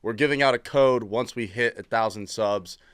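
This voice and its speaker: A brash man hosting a casual sports podcast. He teases and swears freely in an everyday mid-pitched voice, recorded close and dry. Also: moderate pace, fairly bright tone, clear, resonant tone, no room sound. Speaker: podcast host.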